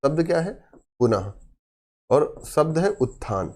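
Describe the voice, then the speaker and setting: A man's voice: on the high side, big pitch swings, a little slow, darkish tone. Male teacher, exam prep grammar lesson, emphatic, repeats key words, quizzes and answers himself.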